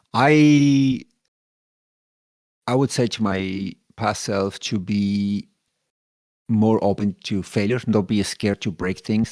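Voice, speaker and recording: A man from Chile speaks as a podcast guest in a low voice, answering casually and restarting phrases as he gathers his thoughts. The sound is dry and close to the mic. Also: a little mellow, no room sound. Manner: halting, repeats words while thinking. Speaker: podcast guest, solution architect.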